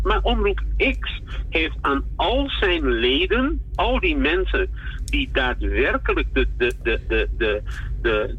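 A man phoning in to a radio show, heard over a telephone line, talking haltingly with many fillers and restarts. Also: mid-range voice, fairly bright tone, husky. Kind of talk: call-in radio conversation. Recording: muffled phone-line audio.

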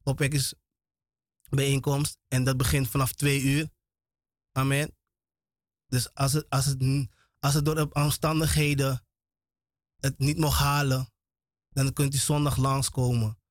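A man's voice: mid-range voice, level tone, unhurried, pauses often, no echo, clean studio sound. A man preaching on the radio, emphatic and repetitive, often breaking off and restarting his words. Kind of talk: radio sermon.

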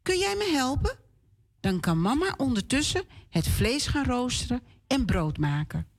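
A woman voicing a kind father in a children's story, gentle and reassuring. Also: high voice, sing-song, measured pace, pitched above the performer's own voice, exaggerated voice. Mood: urgent.

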